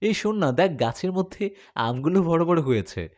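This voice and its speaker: A man's voice: fairly high pitch, expressive, normal speed, darkish tone, pitched above the performer's own voice, natural voice. A man voicing a teasing teenage schoolgirl sweetheart who coaxes and pleads in a whiny way. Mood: pleading.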